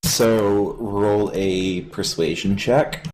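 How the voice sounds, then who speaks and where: A man's voice: on the low side, steady tone, drawn-out words, darkish tone. A man narrating as game master of a tabletop role-play game, laughing often. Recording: faint noise, lo-fi mic.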